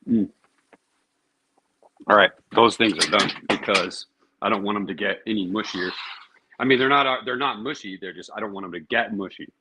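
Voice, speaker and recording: A man's voice: on the low side, moderate pace, long pauses, bright, forceful tone, a little hiss or hum. A man hosting his own cooking vlog, chatting casually and thinking aloud as he grills. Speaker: cooking show host.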